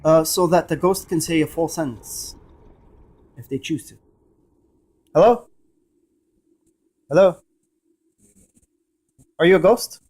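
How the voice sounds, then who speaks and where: With a fairly high but darkish voice, a man speaks slowly and leaves long pauses during a casual, hands-on gadget demo that's emphatic and repetitive. Behind him is the noise of the room, device static, and radio scanning static.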